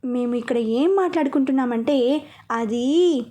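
A woman's voice: high voice, a little slow, mellow. Woman reading a playful, scheming young brother in a storybook; eager and teasing.

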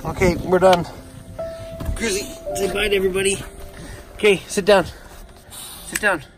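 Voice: mid-range voice, fairly even intonation, moderate pace, music in the background. A vlogger talking casually to their dog on camera in a playful, amused, coaxing way. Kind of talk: casual talk to a pet on camera. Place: converted van.

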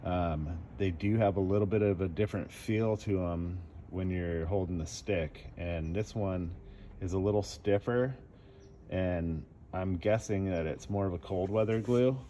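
A man doing dent repair outdoors, explaining his work in a relaxed, casual way as he films on a phone. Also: sits low, a little slow, slight background noise. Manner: relaxed, explanatory, talks between tasks. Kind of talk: casual how-to narration while working. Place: outdoors in a parking lot beside a car.

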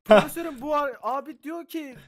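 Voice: medium pitch, sing-song, quick pace. A player acting as a student in a voice-chat role-play, cheeky under a polite tone. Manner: cheeky, polite-sounding teasing.

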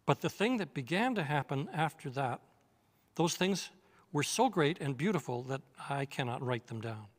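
Seated in an armchair on a studio set, a man in his sixties reads a children's novel aloud in a measured, steady storytelling manner. His voice is a little high, with a long reverb tail.

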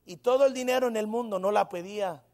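Animated high-voiced preacher. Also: male voice, quick pace. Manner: animated storytelling with frequent exclamations. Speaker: pastor. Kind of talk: sermon.

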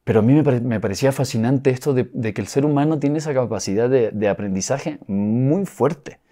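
A Chilean-born actor speaking with an acquired Mexican accent, telling his story in a relaxed interview, with many restarts. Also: medium pitch, a little fast. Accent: Mexican Spanish, acquired. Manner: reflective, with frequent restarts and soft laughs. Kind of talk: casual interview talk.

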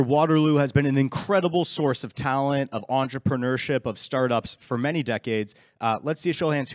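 A man's voice: medium pitch, no echo, clean studio sound. A man hosting an open-mic event in a large council chamber, upbeat and joking with the crowd, speaking into a handheld mic. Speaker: event host.

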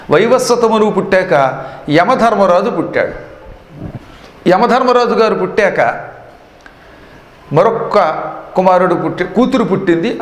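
A man giving a devotional discourse, telling a scripture story in a conversational way with humorous asides. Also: high-pitched. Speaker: religious discourse speaker. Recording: echoey hall reverb.

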